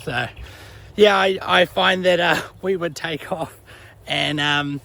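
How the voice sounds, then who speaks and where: A young New Zealander vlogs as he walks his dog near a creek, his fairly high voice gravelly and unhurried. The walk-and-talk chat is loose and friendly, sprinkled with Kiwi slang.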